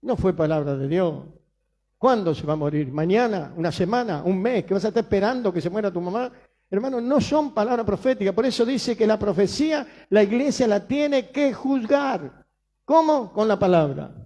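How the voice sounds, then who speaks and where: A man's voice: high-pitched, animated, fairly quick, dark tone. A man with a Rioplatense Spanish accent preaching a sermon as pastor, emphatic, repeating phrases and asking rhetorical questions.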